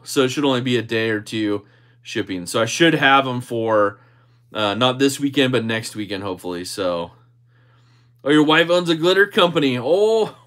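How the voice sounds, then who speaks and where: A man with a medium-pitched voice hosts a casual livestream. He reads out and answers comments in a relaxed, conversational way, joking as he goes. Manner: jokey, easygoing. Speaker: livestream host.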